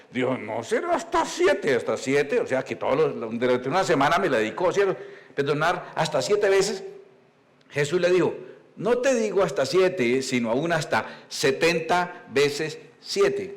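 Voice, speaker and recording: A male pastor, preaching in a conversational storytelling style, asking the congregation questions and reading scripture slowly. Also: high voice. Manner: reads scripture slowly and deliberately. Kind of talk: sermon.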